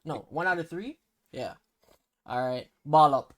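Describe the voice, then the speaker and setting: A man's voice: on the high side, animated, unhurried, bright, forceful tone. A young man with a Toronto accent hosts a casual, bantering quiz, teasing in easy slang. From Toronto, Canada. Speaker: host quizzing his cousin on slang.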